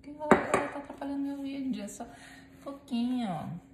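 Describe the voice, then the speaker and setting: Indoors in her home kitchen, a chatty, playful home cooking vlogger talks to her viewers and her helper while kneading, as part of a casual cooking demonstration. Her high voice is animated and moderately paced. The kitchen echoes, and background noise is clearly audible.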